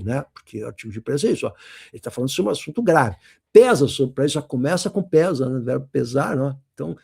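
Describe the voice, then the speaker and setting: A man teaching essay writing in an animated, emphatic lecture, speaking straight to his students. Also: fairly high pitch, husky. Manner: lively, emphatic, addresses students directly.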